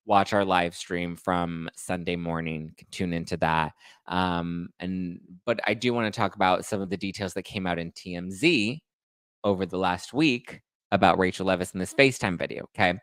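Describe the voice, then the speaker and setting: Smooth, low and a little bright, the voice belongs to a man in his thirties running a pop-culture livestream with no echo. His chatter is full of sass, slang and playfulness, and he calls his viewers honey and boo.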